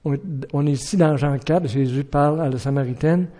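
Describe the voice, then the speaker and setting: Earnest preacher. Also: male voice, on the high side, brisk. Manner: earnest, rhetorical questions, acts out shouted warnings. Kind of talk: sermon.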